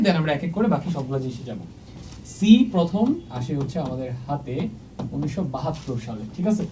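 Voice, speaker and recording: Board-lesson teacher, mellow tone, a bit off-mic, keeps asking okay?. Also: mid-range voice, recorded from a distance, slight background noise, poor audio. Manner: checks in often with "okay?"; mixes English words into speech. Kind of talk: exam-prep lecture at a board.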